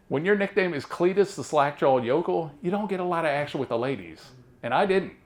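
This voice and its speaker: A stand-up comedian in his thirties, from Maryland near Baltimore, speaks with a drawl that sounds Southern. His slightly high voice moves through a lively, wide range as he delivers self-deprecating jokes deadpan in a stand-up set. He talks at normal speed and pauses often.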